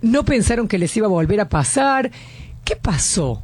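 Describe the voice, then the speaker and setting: A woman from Argentina with a Rioplatense Spanish accent, hosting a broadcast news interview and cutting in briskly. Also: medium pitch, big pitch swings, a little mellow, slightly rough. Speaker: news host.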